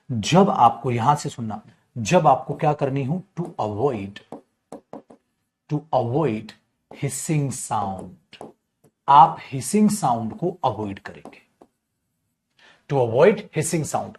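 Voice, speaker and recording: This is a male English grammar teacher giving an online class. His voice rises and falls a lot, and he keeps a playful, teasing manner with his students. He slows right down to spell out key phrases and acts out the questions his students might ask. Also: on the high side. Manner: lively, teasing, addresses students as beta and chhutku; spells phrases out slowly for emphasis.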